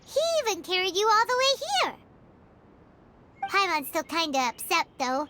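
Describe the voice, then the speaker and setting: Paimon: squeaky tiny companion. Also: female voice, big pitch swings, normal speed, pushed and bright, exaggerated voice. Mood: indignant. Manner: refers to herself in third person, squeaky and bouncy. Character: tiny floating girlish companion, loud and excitable. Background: game music.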